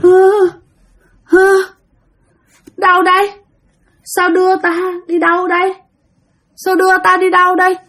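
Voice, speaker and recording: Woman storyteller doing a stubborn possessive ghost, shrill, moaning. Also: monotone, a little slow, long pauses, sharp tone, exaggerated voice. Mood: moaning cold. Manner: moaning, wailing, insistent. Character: wandering male ghost possessing an old grandmother, stubborn, possessive.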